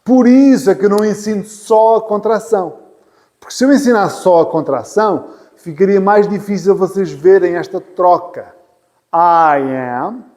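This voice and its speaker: Teaching English in a church hall classroom, a man from Portugal speaks at a moderate pace in a high, slightly mellow voice with a European Portuguese accent. He repeats phrases patiently and jokes lightly, and the hall is reverberant.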